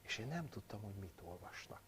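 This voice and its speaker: A man giving a Bible lecture with a personal story, dramatic, swinging from loud emphasis to near-whispered recitation. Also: fairly low pitch, big pitch swings, breathy edge.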